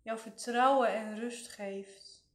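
A woman leading a guided relaxation meditation in a soothing, gentle way, leaving long pauses. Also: a little high, fairly even intonation. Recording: roomy, echoing voice recording.

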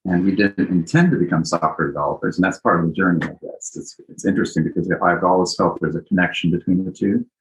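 A man who is a guest on a podcast, answering in a thoughtful, unhurried way with frequent ums. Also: low-pitched, rough recording. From born in Greece, raised in Japan and Italy. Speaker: architect and company founder, guest. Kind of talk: casual interview.

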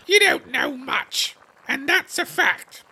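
A man voicing a rude, bad-tempered old noblewoman in a storybook reading, snapping at everyone in a hoarse growl. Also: very high voice, expressive, moderate pace, pushed and bright, pitched above the performer's own voice, heavily acted, low-quality recording. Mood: snappish. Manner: rude, barking, sing-song when singing.

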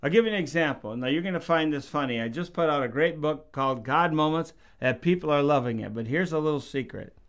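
A middle-aged preacher with a smooth, resonant voice that sits somewhat high for a man. He talks easily about faith and tells stories, raising his voice to act out what other people said. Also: expressive, fast, few pauses, a bit bright. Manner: storytelling, acts out quotes in raised voice. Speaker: preacher and podcast guest. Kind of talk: casual faith talk.

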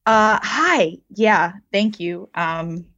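Casting: female co-host, scratchy whiskey voice full of fry, informal and halting, dry but slightly muffled sound. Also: medium pitch, animated, a bit bright, dry recording. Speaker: podcast co-host answering listener questions. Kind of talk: casual explanatory talk.

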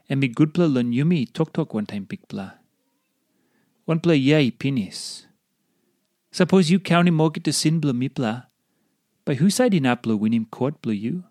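A man's voice: fairly high pitch, a little mellow, no echo. Devotional reader, male, dry sound. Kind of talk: devotional reading in Papua New Guinea Pidgin (Tok Pisin).

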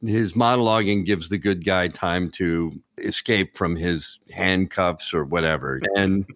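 A man hosting a podcast, chatting in an animated, enthusiastic, joking way. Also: sits low, a little slow, no echo, studio quality. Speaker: podcast host. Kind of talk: casual chat.

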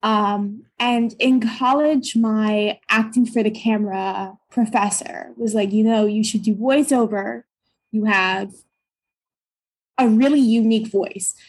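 Her voice sits on the high side with a fairly even, slow, slightly rough delivery, childlike and youthful in tone. She is a young American voice and stage actor from Pennsylvania, reflecting casually as an interview guest and pausing hesitantly as she talks.

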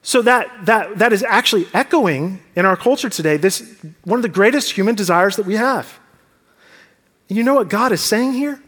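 A man preaches a sermon as pastor in a church sanctuary, his high voice fairly bright and slightly rough, with lively intonation at a moderate pace. Earnest and conversational, he poses rhetorical questions to the congregation, and the recording carries the long reverb of a church hall.

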